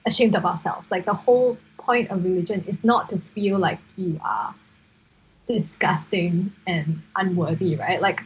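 Earnest young woman with a breathy voice. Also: lowish voice, fairly even intonation, measured pace, rough recording. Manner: earnest, thinks aloud with many fillers. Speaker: podcast co-host, psychotherapy student. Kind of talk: casual chat.

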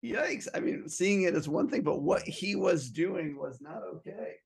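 A man hosting a podcast in loose, jokey casual chat, quick to laugh. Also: sits high, expressive, vocal fry, breathy edge. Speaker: podcast host.

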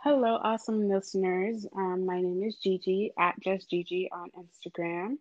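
A woman from Haiti, a podcast guest, introducing herself in a casual, earnest way with frequent pauses. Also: medium pitch, fairly even intonation, a little mellow, dry recording, muffled recording.

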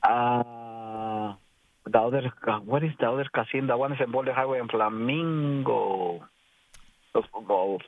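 A man's voice: medium pitch, unhurried, no room sound. Man on a car phone call, tinny phone-line sound, dry, hesitant, searching for names. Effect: speaking on the phone from a moving car. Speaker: radio show caller.

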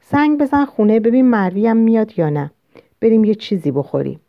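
A woman voicing a weary young husband who asks gentle, coaxing questions. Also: fairly high pitch, dry recording, voice pushed up, close to an everyday voice. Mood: caring. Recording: dull lo-fi dry recording.

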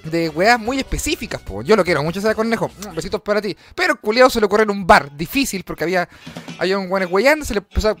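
A man with a Chilean accent, a comedian hosting a casual show, telling stories in an animated, slangy and profane way. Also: high-pitched, quick pace, faint music behind. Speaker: comedian host.

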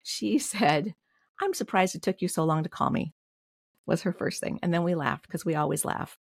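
A woman's voice: low voice, brisk, creaky, husky, no room sound, clean studio sound. A woman in her sixties, a podcast guest, telling a personal story candidly and heartfelt, with light laughs. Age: 60s.

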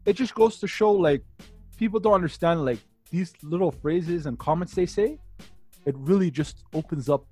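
A man from Canada in a casual group chat, telling stories quickly and often asking "you know what I mean". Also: fairly high pitch, slightly rough, faint music behind. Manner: fast, animated storytelling with frequent "you know what I mean".

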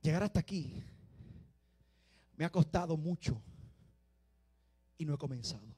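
A man preaching a sermon, dropping to quiet confiding talk and rising to loud shouted exhortation. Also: on the high side, lively intonation, unhurried, husky.

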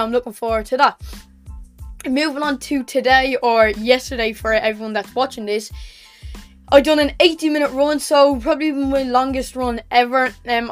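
A young Irish woman talks casually to her viewers in a fairly high voice. She is chatty and matter-of-fact, recapping like a vlogger and correcting herself as she goes. Faint music plays behind her. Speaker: running vlogger. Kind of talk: casual training recap to camera.

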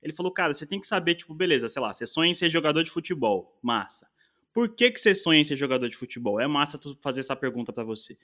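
A man's voice: on the high side, lively intonation, very fast, a bit bright. A man in casual conversation, talking reflectively and rambling with lots of slang fillers. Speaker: musician and podcast guest.

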